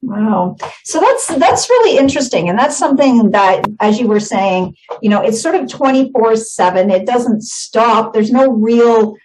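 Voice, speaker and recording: A woman's voice: a little high, expressive, a little slow, hardly any pauses, darkish tone, a little hiss or hum, poor audio. Woman hosting a casual interview. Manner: friendly, encouraging questions. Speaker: host.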